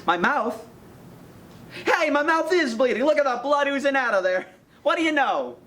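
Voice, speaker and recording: A man's voice: very high-pitched, big pitch swings, moderate pace, sharp tone, heavily acted. A man playing a desperate young husband in an amateur stage play, pleading and frantic. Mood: relieved.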